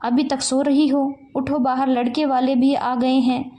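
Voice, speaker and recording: A woman's voice: high-pitched, little pitch movement, a little slow, warm tone. A woman voicing an angry young husband who scolds his lazy wife in a storybook tale. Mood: scolding. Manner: scolding, insistent.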